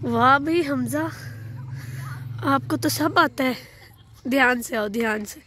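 A woman from Pakistan chatting excitedly and laughing as she narrates a family vlog, filmed outdoors in a park on a handheld phone. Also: high voice, slow pace, a little hiss or hum. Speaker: family vlogger.

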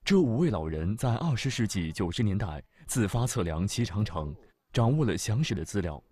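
A man narrating a travel documentary in a measured, formal way. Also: on the low side, big pitch swings, darkish tone, husky. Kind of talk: scripted narration.

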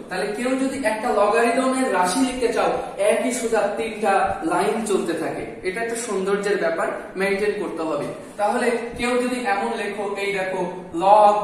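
Teacher walking students through math, asking them questions, sounds far off in a really echoey room. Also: medium pitch. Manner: explains step by step and asks the students questions. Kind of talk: spoken classroom math lecture. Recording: echoey room, voice far from the mic, faint noise.

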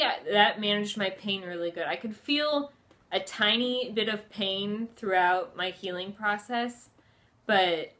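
A woman's voice: mid-range voice, sharp tone. Chatty young woman telling a personal story. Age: 20s. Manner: chatty, conversational, frequent "like" and "you know". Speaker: vlogger. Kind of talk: casual personal storytelling to camera. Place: furnished room at home, indoors.

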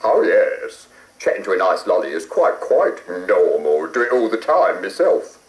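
Brief: a cheeky caterpillar, low and slow, swinging wildly, echoey cassette. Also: male voice, very animated. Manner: blunt, cheeky, calls her "girl". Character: blunt down-to-earth male caterpillar, cheeky. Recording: roomy old cassette recording.

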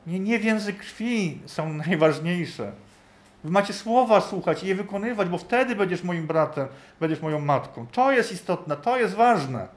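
A man's voice: sits high, lively intonation, measured pace. A man teaching a Bible study group in a conversational way, thinking aloud and often checking in with his listeners.

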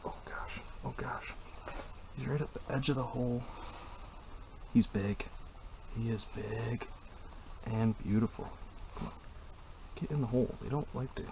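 A young man filming himself ice fishing on a body-worn action camera, narrating casually and exclaiming in excitement. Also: mid-range voice, measured pace, pauses often, noisy background. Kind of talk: casual first-person narration. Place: outdoors on a frozen lake, then in an ice shelter.

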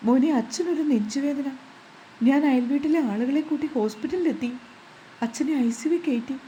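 A frightened middle-aged mother speaks in an urgent, tearful rush, her voice high and mellow, as a woman narrator puts her on. Faint hiss in the background. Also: normal speed, close to an everyday voice, poor audio. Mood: distraught. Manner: distraught, urgent.

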